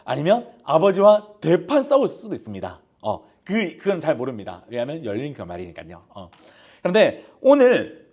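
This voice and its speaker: A man's voice: a little high, huge pitch swings, normal speed, breathy edge. Youth pastor guy preaching, chatty, asks the crowd stuff, kinda hesitant with lots of uh's, voice goes up and down a lot. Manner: asks the congregation direct questions; gently hesitant, many fillers. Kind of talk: conversational sermon. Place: church youth service.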